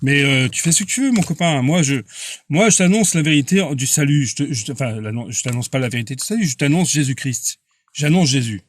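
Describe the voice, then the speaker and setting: A man's voice: mid-range voice, lively intonation. Earnest man preaching on a live stream. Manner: halting, repeats words, earnest and insistent.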